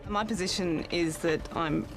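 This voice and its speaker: A woman with a creaky voice, speaking firmly and insistently as a campaigner in an interview. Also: on the low side, moderate pace. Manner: firm, insistent. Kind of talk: interview talk. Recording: loud music under the voice.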